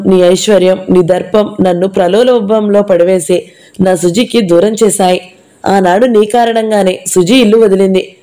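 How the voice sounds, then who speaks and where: A woman's voice: mid-range voice, mellow, close to an everyday voice. A woman reading an audio novel, voicing a grief-stricken young man who pleads and accuses in a raised, strained voice.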